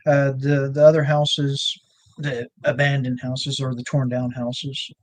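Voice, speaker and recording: A man's voice: mid-range voice, completely flat delivery, measured pace. A man telling a rambling, folksy story in casual chat, full of fillers. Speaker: ranch owner and guest.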